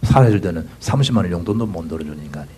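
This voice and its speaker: A man with a Gyeongsang Korean accent preaching a sermon as pastor, swinging between loud bursts and hushed whispers. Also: low-pitched, animated, very fast, husky, poor audio. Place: church sanctuary.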